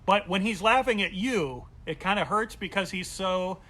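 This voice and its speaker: Animated male comedian telling a funny story. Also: sits high, moderate pace. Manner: animated, acts out quoted voices. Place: at home during quarantine.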